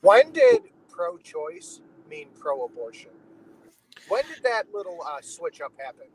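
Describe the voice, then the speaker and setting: A man's voice: on the high side, wildly swooping pitch, measured pace, creaky, crowd noise. A man calling in from a car, his voice tinny as if inside a tin can. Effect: tinny sound as if inside a tin can. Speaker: caller joining the show. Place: in a moving car. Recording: distant, tinny mic in a car.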